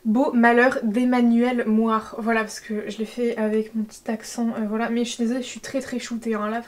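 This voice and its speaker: A woman giving an intuitive tarot reading, talking hesitantly with many fillers and a gentle tone. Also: fairly high pitch, little pitch movement, fast talker. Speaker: tarot reader. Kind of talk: intuitive card-reading guidance.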